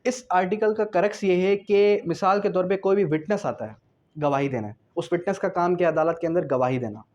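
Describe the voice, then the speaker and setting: This man lectures on law in a high, slightly mellow voice at a fairly quick pace, moving between read-out clauses and his own explanations and answering the questions he poses. The audio is dull and lo-fi.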